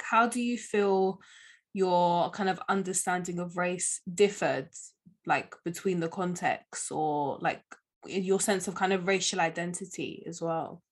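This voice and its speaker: Woman, podcast host, friendly, slightly low voice, hedging questions, scripted intro.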